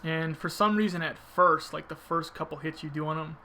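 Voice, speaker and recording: A man's voice: fairly high pitch, fairly quick, sharp tone, a little hiss or hum. A man giving casual video game commentary, thinking aloud informally as he explains his technique.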